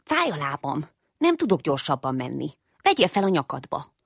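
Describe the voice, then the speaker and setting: A woman's voice: low voice, wildly swooping pitch, gravelly, breathy edge, no echo, studio quality, full character voice. A woman voicing a small, chubby, curious boy mouse who keeps asking questions and whines. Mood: whiny. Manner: whiny, endlessly questioning.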